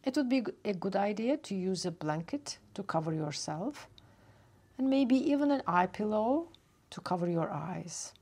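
A woman with a mid-range voice and lively intonation guides a yoga nidra relaxation meditation. She speaks gently and without hurry, leaving long pauses.

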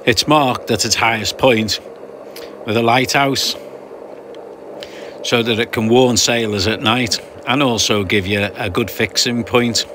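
A man's voice: mid-range voice, steady tone, measured pace, noisy background. A man narrating his sailing trip in a chatty, explanatory voice-over with dry humour. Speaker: sailing vlogger narrating a passage.

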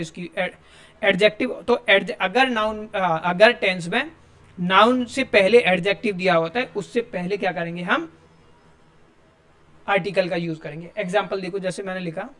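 A man's voice: high voice, a bit bright. A male teacher, giving a classroom grammar lesson and explaining step by step while asking his students questions.

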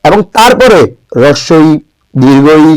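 A young male teacher from Bangladesh runs an exam-prep grammar lesson in a fairly high voice. He keeps asking his students questions and answers them himself. He says each example word slowly, more than once. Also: animated, clean tone, dry recording, poor audio. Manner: drills pronunciation with constant rhetorical questions; repeats words slowly for emphasis.

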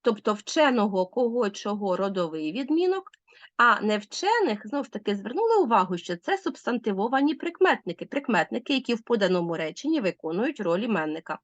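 A woman's voice: medium pitch, very animated, fairly quick, dry recording. A woman teacher giving a recorded grammar lesson, asking leading questions and answering them herself.

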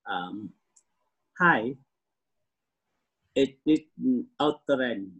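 Older Vietnamese-accented male student, slow and halting drill reader. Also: medium pitch, animated, pushed and bright, lo-fi sound. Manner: halting, repeats words slowly. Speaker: adult English learner. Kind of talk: English pronunciation practice.

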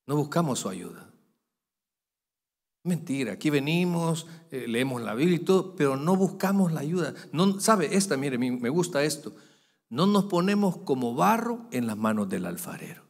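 A male pastor, preaching a sermon in a big church, his voice swinging from loud peaks down to quiet asides. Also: mid-range voice, lively intonation, normal speed, gravelly, pauses often. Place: large church sanctuary. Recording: long church-hall reverb.

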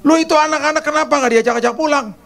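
A woman's voice: racing, a bit bright. A man voicing a flustered, bossy middle-aged housemaid who is devoted to the family. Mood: bossy scolding. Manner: high, fussy, scolding.

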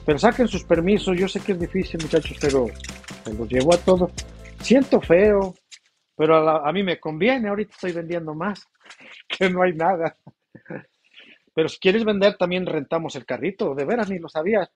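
A man's voice: high-pitched, a little mellow, soft background music. Chatty man in his forties. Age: 40s. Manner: chatty, laughs often, drawn-out playful exclamations. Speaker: taco vendor. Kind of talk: casual livestream chat reading viewer comments.

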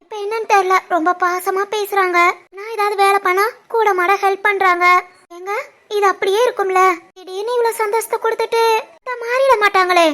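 Woman voicing a cartoon village wife, Tirunelveli Tamil accent, squeaky high voice, soft and tearful. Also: steady tone, a little fast. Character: young pregnant village wife, tender and emotional. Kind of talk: animated family drama voice acting.

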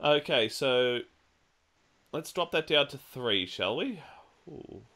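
A man's voice: medium pitch, lively intonation, slow pace, pushed and bright. A man hosting a casual podcast panel, steering the votes and laughing often. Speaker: podcast host.

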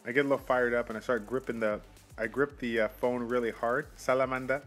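Young guy hyped up over game pulls, rambly, talking into his phone, faint music behind. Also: medium pitch. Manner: excitable, rambling, quick outbursts. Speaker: mobile game channel host. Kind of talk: casual gameplay commentary. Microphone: phone mic.

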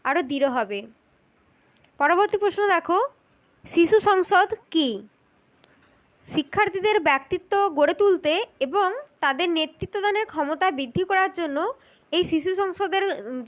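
A woman with a very high voice talks through exam answers as a spoken lesson. She works methodically, repeating each key point and speaking directly to the listener. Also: fairly bright tone. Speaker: teacher for exam interview prep.

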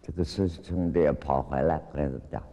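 A man teaching as a Buddhist lecturer, retelling a Zen story with lively acted-out cries and frequent drawn-out fillers. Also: very deep voice. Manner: animated storytelling, acts out quoted cries. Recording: long hall reverb.

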